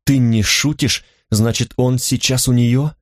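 A man's voice: medium pitch, fairly even intonation, a little slow, no room sound, close to an everyday voice. An eager, curious young woman full of questions, voiced by a male storybook reader in his own middling tone. The sound is dry and close.

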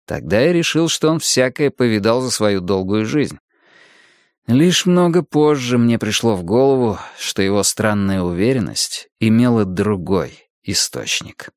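A male narrator reads an audiobook at a measured pace with a lively, rising and falling delivery. The recording is dry and close, with no room sound. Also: on the low side, no echo.

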